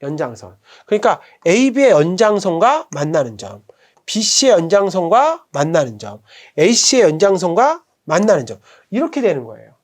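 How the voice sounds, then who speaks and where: A middle-aged man, head of a tutoring academy, giving a whiteboard math lesson and patiently repeating each term slowly. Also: high voice, sing-song. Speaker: academy director teaching math.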